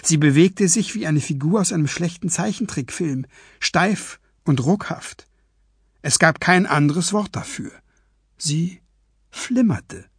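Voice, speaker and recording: A man narrating a fantasy audiobook in an expressive storytelling voice. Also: a little high, a little slow, slightly rough, no room sound, clean studio sound.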